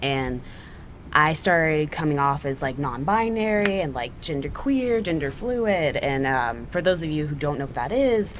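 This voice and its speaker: A teenage young man with a boyish, cracking voice, talking candidly and haltingly about himself as a talk show guest. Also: fairly high pitch, lively intonation, background noise. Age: teens. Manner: halting, informal, self-deprecating.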